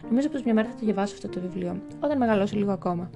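Woman, young adult, gravelly, chatty wry book talk, music behind. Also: mid-range voice, lively intonation. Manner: chatty, wry asides, stumbles over English titles. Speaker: book vlogger. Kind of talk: casual book review narration.

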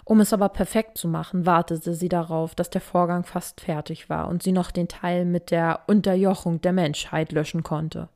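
A woman narrating a fan fiction story in an even, steady reading voice. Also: on the low side, normal speed, few pauses.

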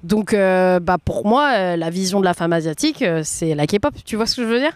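Chatty woman around thirty, smooth. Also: lowish voice, lively intonation, brisk, dry recording. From France. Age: about 30. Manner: chatty, many fillers and restarts. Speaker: guest entrepreneur. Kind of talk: casual interview chat.

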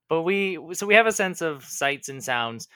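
A man's voice: a little high, bright, forceful tone, clear, resonant tone, no echo, studio quality. A man narrating as game master of a tabletop game, rambling along with fillers and self-corrections.

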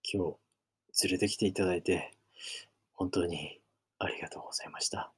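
A man voicing a polite, gentle male sage from a storybook, speaking in a faint, halting whisper. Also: low voice, steady tone, husky.

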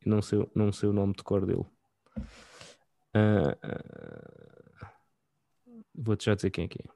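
A man's voice: fairly low pitch, huge pitch swings, a little slow, gravelly, warm tone, dry recording. A man with a European Portuguese accent chatting casually as a podcast co-host, in informal, slangy language. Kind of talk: casual chat.

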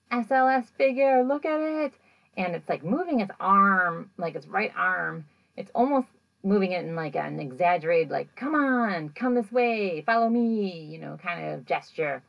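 A woman with a low-sitting voice and vocal fry hosts a podcast, and the audio is poor. She recaps a paranormal show in a chatty, rambling way, saying "like" and "you know" a lot and getting animated when she acts out moments.

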